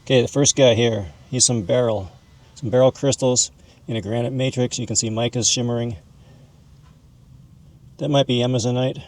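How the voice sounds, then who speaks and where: With a mid-range voice, steady tone and darkish quality, this man speaks at a moderate pace and pauses often. He hosts a casual educational video on minerals as a hobbyist, demonstrating items folksily and referring to them as "this guy."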